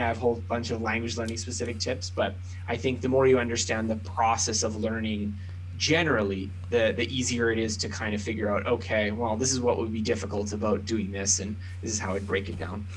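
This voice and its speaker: Poor audio with slight background noise captures a medium-pitched man, an author on a podcast, who thoughtfully explains ideas in interview fashion using lots of examples.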